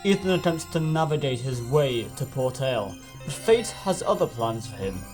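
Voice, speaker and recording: Man, scripted narration, deadpan, faint music underneath. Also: medium pitch, normal speed. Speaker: narrator of recap.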